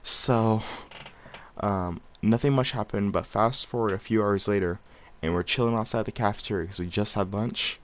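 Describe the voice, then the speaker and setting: A man's voice: lowish voice, moderate pace, slight background noise. A man casually telling a personal story to his viewers, slangy and rambling, often chuckling as he goes. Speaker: vlogger.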